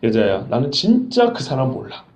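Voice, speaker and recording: A man's voice: mid-range voice, wildly swooping pitch, moderate pace, darkish tone, pitched below the performer's own voice. A male pastor voicing a flustered man who evasively feigns not to understand. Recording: roomy dull church recording.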